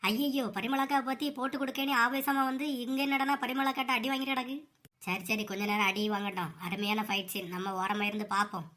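A woman voicing a scheming young daughter-in-law in a cartoon, with a Kanyakumari Tamil accent and a mocking, quick-tongued manner. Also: a little high, fairly even intonation, background noise, natural voice.

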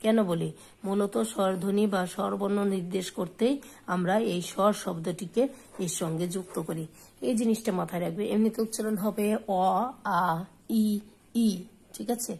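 A woman teacher giving a spoken lesson, saying example words slowly and repeating them for her pupils. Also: mid-range voice, steady tone, creaky, a little mellow, breathy edge, poor audio. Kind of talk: slow spoken lesson on pronunciation.

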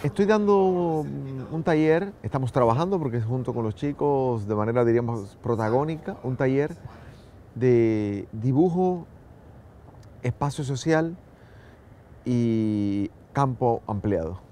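A man from Ecuador, an artist, describing his drawing workshop in a halting way, often searching for words. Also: medium pitch, lively intonation, mellow, a little hiss or hum. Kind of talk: documentary interview.

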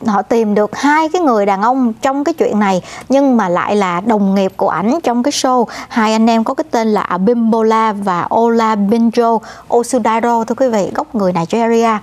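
A female co-anchor telling the news in a relaxed, conversational way, often pausing on fillers and addressing the audience directly. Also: fairly high pitch. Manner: many "à" fillers, addresses "thưa quý vị".

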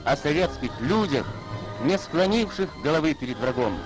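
1940s newsreel narrator, a man, fairly high voice, solemn and declamatory, music playing underneath. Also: big pitch swings, moderate pace, rough recording. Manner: solemn declamatory announcer delivery. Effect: 1940s newsreel voice-over. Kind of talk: scripted wartime newsreel narration. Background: orchestral score.

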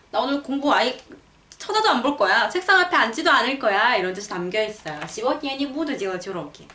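A young woman teaching a language lesson, explaining patiently and reading example sentences slowly and clearly. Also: on the high side, sharp tone. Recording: roomy, a bit far from the mic.

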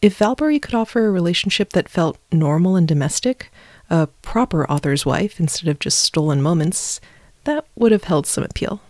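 Woman host, lowish voice, scripted history narration with dry humor, dead dry home-mic sound. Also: animated, normal speed, a little mellow, dry recording. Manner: wry, conversational asides. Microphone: low-budget home mic.

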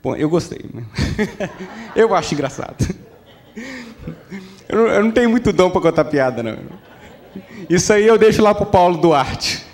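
A preacher with a high voice delivers a sermon at a church service. He speaks emphatically and repeats key phrases, often asking the congregation whether they are following him. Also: lively intonation, moderate pace, long pauses.

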